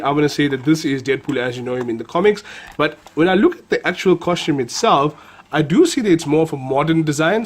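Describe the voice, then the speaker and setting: Male hobby reviewer, South African accent, stuffy nose from a cold, upbeat, repeats himself. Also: a little high. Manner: enthusiastic, repeats words, many fillers. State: nasal from a cold. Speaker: collectibles reviewer. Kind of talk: casual product review.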